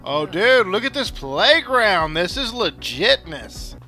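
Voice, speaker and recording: A man's voice: high-pitched, big pitch swings, slow pace, pushed and bright. A man in his thirties giving casual commentary as he plays a game, recorded on a headset. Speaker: gaming video host. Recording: game music and sound behind.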